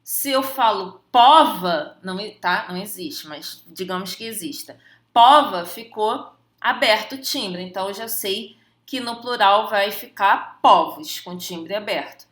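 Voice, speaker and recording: A woman's voice: mid-range voice, unhurried, hardly any pauses, a bit bright, echoey room. A woman from Brazil teaching an online exam-prep Portuguese lesson, chatty and jokey, often checking in with her students.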